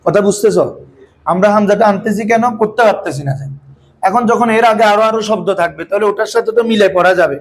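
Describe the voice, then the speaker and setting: Speaking fast in a high voice, a male teacher runs a call-and-response Arabic grammar lecture for students seated before him. He explains patiently in colloquial language and keeps firing questions at the class, over a faint hiss or hum.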